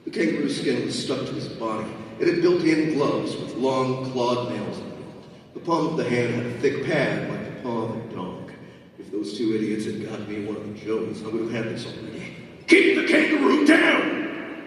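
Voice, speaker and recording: A man's voice: mid-range voice, a little fast, a little hiss or hum. Man reading aloud in a big echoey hall. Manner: expressive, laughs often. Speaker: audiobook narrator. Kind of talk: live audiobook reading. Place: large convention hall. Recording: roomy hall, distant mic.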